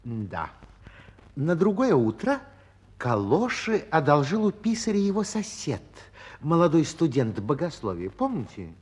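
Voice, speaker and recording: Fairy-tale storyteller: playful, teasing, theatrical suspense, highish, lively intonation. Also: male voice, measured pace. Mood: confiding. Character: playful magical storyteller addressing listeners and characters.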